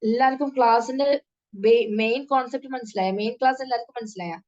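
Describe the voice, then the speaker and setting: A woman's voice: fairly high pitch, fast, a little mellow, dull audio. A woman tajweed teacher giving an online class to children, patiently sounding out syllables one at a time.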